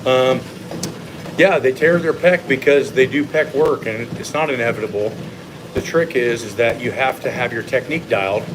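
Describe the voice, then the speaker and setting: A man's voice: mid-range voice, normal speed. A man coaching casually on a livestream while walking on a treadmill, explaining and giving his opinions to viewers. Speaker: fitness coach hosting a live Q&A. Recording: clear steady machine noise behind voice. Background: treadmill or machine hum.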